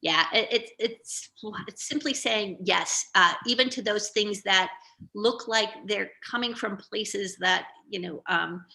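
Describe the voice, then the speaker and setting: A woman's voice: mid-range voice, slow, vocal fry, bright, forceful tone. A middle-aged woman giving an artist talk over a video call, rambling and hesitant with many fillers. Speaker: guest artist.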